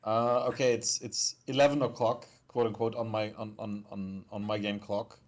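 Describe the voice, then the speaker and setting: A man's voice: lowish voice, little pitch movement, moderate pace. A man talking casually with fellow players while streaming a game.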